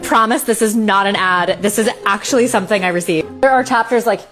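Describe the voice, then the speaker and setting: A woman's voice: medium pitch, fairly quick, fairly bright tone. A woman with an American Valley Girl accent giving chatty, sarcastic comedic commentary in a bubbly sorority-girl manner. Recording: music bed under the voice. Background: background music.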